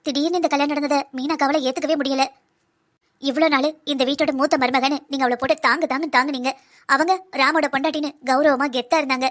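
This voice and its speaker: A woman's voice: high voice, steady tone, fast talker. A young woman voicing a patient, hurt pregnant wife in a cartoon drama, speaking earnestly. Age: young adult. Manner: soft, earnest pleading.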